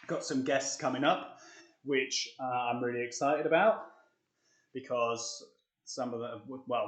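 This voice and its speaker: A young man with an upbeat, chatty manner, coaching a live-streamed workout tutorial and out of breath between sets of push-ups. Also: mid-range voice. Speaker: fitness coach. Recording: echoey room.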